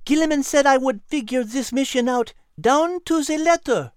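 A man reading a storybook, voicing a clever female animal with a French accent, eager and quick to connect clues. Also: very high voice, no echo, clean studio sound, voice pushed up. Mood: thoughtful. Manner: marveling, quick to piece things together. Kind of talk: storybook character voice.

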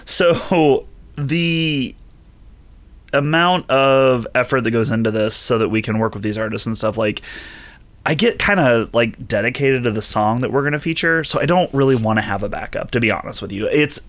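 A man's voice: mid-range voice, moderate pace, a bit bright. Easygoing laughing man co-host. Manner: easygoing, laughs often, rambles a bit. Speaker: podcast co-host. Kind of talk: casual chat.

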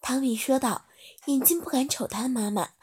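A woman narrating a story in a soft, steady reading voice. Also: sits high, normal speed, slightly rough.

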